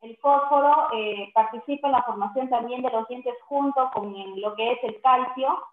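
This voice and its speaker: Student girl on a call, echo everywhere, tinny phone sound, high voice, lots of eh. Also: moderate pace. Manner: reads steadily with many "eh" fillers. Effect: echo on her voice over an online class call. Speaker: student presenting. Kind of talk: class presentation. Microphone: video call. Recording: echoey tinny video call audio.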